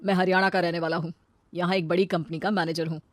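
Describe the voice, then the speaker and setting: A woman voicing a smooth-talking young man who turns cold and selfish, in a cartoon story. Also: fairly low pitch, flat delivery, fast talker, no room sound, natural voice. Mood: coaxing. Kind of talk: cartoon voice acting.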